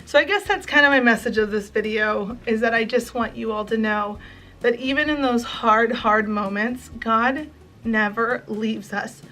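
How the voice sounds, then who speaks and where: Near tears and overflowing with gratitude, a home and craft vlogger in her forties talks earnestly to her audience. She speaks at normal speed in a highish voice with a sharp tone.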